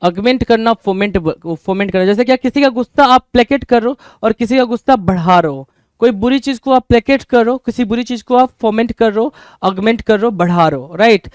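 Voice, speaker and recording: High-voiced Indian man teaching vocabulary. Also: a little fast, clear, resonant tone, dry recording. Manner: keeps asking the class rhetorical questions, calls them "bhai". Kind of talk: exam-prep vocabulary lesson.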